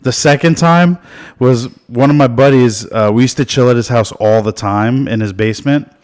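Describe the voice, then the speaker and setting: A man's voice: medium pitch, moderate pace. Rambling man telling a story on a podcast. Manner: rambling, animated, swears and laughs while telling stories. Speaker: podcast co-host. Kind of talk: casual storytelling chat. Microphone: studio podcast mic.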